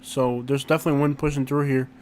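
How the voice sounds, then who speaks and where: A man hosting a casual live stream, talking in an informal, slangy and halting way and often repeating himself. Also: mid-range voice, flat delivery, a crowd in the background. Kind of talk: casual live stream chat, reacting to viewers. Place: inside a rented house.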